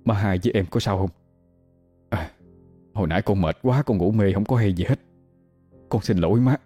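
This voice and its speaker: A composed young man, voiced by the narrator speaks in an audio story with a low, steady, commanding tone. He stays even and firm. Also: very fast, faint music behind, close to an everyday voice. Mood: calm firm. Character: calm firm young man, dutiful eldest son.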